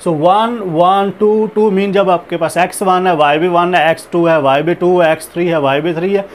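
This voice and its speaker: A man teaching a recorded math lecture, explaining step by step in a slow, deliberate way, mixing in English math terms and leaning on repeated filler phrases. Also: sits high, fairly even intonation, slight background noise.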